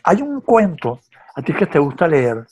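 Husky Venezuelan man chatting films. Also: fairly high pitch, big pitch swings, a little slow, darkish tone. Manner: hesitant, repeats words, storytelling. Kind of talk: casual film chat.

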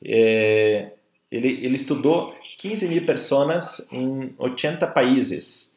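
A man teaching a group as a workshop facilitator, mixing Portuguese and Spanish within his sentences and halting as he searches for words. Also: mid-range voice, darkish tone. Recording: roomy echo.

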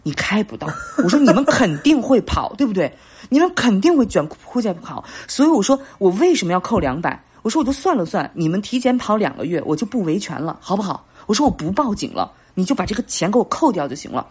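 A woman's voice: medium pitch, quick pace, husky. A woman in her thirties co-hosting a podcast, telling stories in casual chat and acting out the dialogue with lots of laughter. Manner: animated, acts out dialogue, laughs often. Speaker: podcast co-host.

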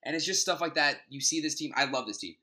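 A man's voice: a little high, expressive, fast talker, pushed and bright. A man co-hosting a casual sports podcast, joking around and sometimes hunting for words. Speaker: podcast co-host.

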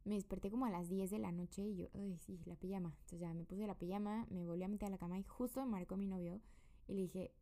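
Chatty Mexican woman with a gravelly voice. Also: mid-range voice, fairly even intonation, quick pace, dark tone. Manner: chatty and rambling, many fillers. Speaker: podcaster. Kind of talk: casual personal update monologue. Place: her room.

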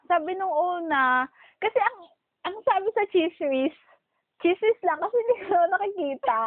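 High-voiced young woman, animated, phone audio. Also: normal speed, no room sound. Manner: animated, laughing. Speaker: podcast co-host. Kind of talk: casual chat. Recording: phone line, dry.

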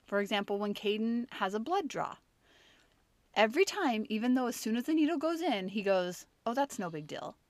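A woman in her thirties co-hosting a casual podcast, speaking earnestly and getting animated when she acts out quotes. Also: on the high side, moderate pace, dry recording. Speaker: podcast co-host.

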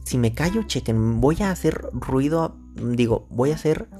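A Mexican man talks through his solo podcast at a middle pitch, thinking aloud and drifting from one idea to the next. His talk is loose and full of slang. Faint music plays quietly underneath. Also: expressive, unhurried. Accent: Mexican Spanish. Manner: rambling, slangy, thinks aloud and wanders off topic. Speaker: podcast host. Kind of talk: casual solo podcast chat. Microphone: own microphone.

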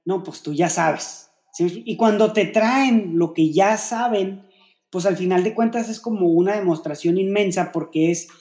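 Male podcast co-host, mellow tone, thoughtful and rambling, echoey room. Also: high-pitched, moderate pace. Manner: reflective, explains with many fillers and rhetorical questions. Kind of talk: casual faith-based relationship chat.

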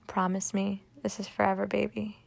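A woman voicing a young male boyfriend in a story, speaking softly and tenderly in her own voice. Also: medium pitch, completely flat delivery, moderate pace, creaky. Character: young man, affectionate boyfriend.

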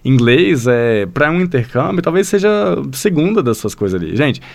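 A man's voice: mid-range voice, big pitch swings, normal speed, vocal fry, no echo. Brazilian man telling stories in rambling chat. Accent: Brazilian Portuguese. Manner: rambling, filler-heavy storytelling that often addresses the listener. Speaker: guest, language school founder. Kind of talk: casual podcast conversation.

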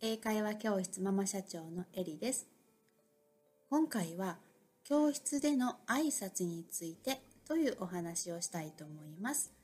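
A woman's voice: mid-range voice, animated, a little slow, mellow, husky, soft background music. A middle-aged woman with an Osaka accent, an English school owner hosting a casual solo talk, chatty and reflective with many fillers. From Japan.

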